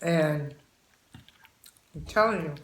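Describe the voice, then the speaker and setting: Her voice is deep yet a bit bright, slow-paced and reverberant. In a casual eating-and-chatting session on her channel, the woman in her 60s shares folksy, motherly advice with viewers she lovingly calls babies.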